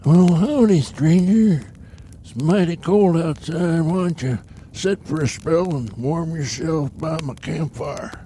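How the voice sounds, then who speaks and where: Folksy old prospector played by a man, mellow and high, faint hiss. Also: slow pace. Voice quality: folksy, drawling. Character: old male prospector narrator, folksy drawl. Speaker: narrator.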